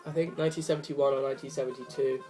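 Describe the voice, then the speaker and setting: A young vinyl-collecting vlogger talks to camera in a relaxed, wandering, apologetic way, full of ums and restarts. His mid-range voice is rapid-fire and slightly rough from a cold, and quiet jazz from a record plays in the background.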